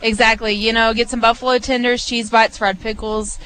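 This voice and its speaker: A woman in her twenties from Arkansas, an assistant manager at a restaurant, guests on a live radio broadcast from its bar, easygoing and upbeat with lots of fillers. Her slightly bright voice is on the high side with little pitch movement and a moderate pace, recorded in low quality.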